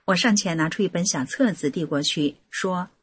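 A woman reading a personal account aloud in an earnest, measured scripted narration. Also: fairly low pitch, slightly rough, no room sound. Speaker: article reader.

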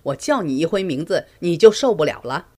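A woman voicing her indignant elderly husband, stubborn and touchy, with loud, huffy retorts. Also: fairly high pitch, huge pitch swings, normal speed.

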